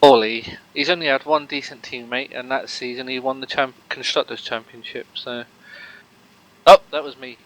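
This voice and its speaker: A man's voice: medium pitch, fairly even intonation, moderate pace, a bit bright, rough recording. A man commentating a sim race live, rambling with lots of fillers and joking banter with his co-host.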